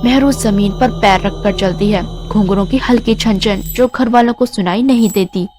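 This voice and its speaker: A woman narrating a scripted horror story in a measured, suspenseful way. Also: medium pitch. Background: music.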